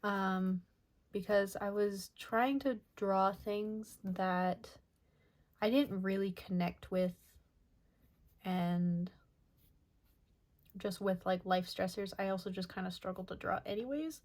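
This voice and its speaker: Young woman chatting thru her sketchbook, mid pitch, lots of ums, soft and rambly. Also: steady tone, takes it slowly, pauses often. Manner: soft, rambling, many ums and self-corrections. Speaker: artist showing her sketchbook. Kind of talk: casual voice-over narration.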